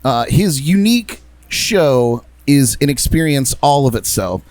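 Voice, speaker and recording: A man hosting a live music podcast, upbeat and quick to laugh. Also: medium pitch, big pitch swings, a little mellow, no echo. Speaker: podcast host. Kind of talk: casual live show chat.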